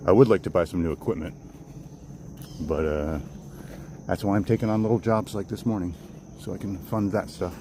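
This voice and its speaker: A deep-voiced man hosts a walk-and-talk livestream in the woods, chatting casually with viewers at a moderate pace with long pauses. He rambles, repeating and restarting phrases, while crickets and other insect and nature sounds fill the outdoor recording.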